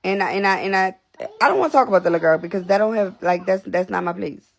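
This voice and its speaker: A woman's voice: mid-range voice, quick pace, vocal fry. A young woman talking casually and bluntly to livestream viewers. She swears, repeats herself, and sounds out of breath. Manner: blunt, repetitive, profane. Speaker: livestream host.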